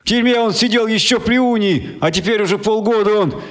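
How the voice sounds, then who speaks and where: A man's voice: sits high, a little fast, a bit bright, voice pushed up. A man voicing a cocky, boastful young man who teases his friends. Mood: teasing. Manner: boastful, teasing. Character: cocky young male radio tinkerer Indyuk.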